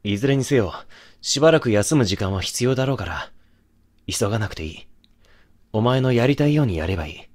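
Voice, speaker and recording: A man's voice: on the low side, expressive, fairly quick. Man acting a remorseful young boyfriend, intimate pillow talk. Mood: apologetic, subdued. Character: remorseful young boyfriend, brusque but tender and protective.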